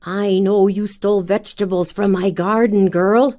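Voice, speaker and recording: A woman's voice: medium pitch, steady tone, normal speed, dark tone, close to an everyday voice. A woman voicing a harsh, mean old witch. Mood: angry. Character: ugly old female witch, mean and angry. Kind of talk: storybook character voice.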